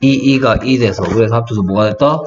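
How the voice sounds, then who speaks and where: A man's voice: mid-range voice, brisk, background noise. A man tutoring English phonics one-on-one, quizzing his student on letter sounds. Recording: dull lo-fi audio with music.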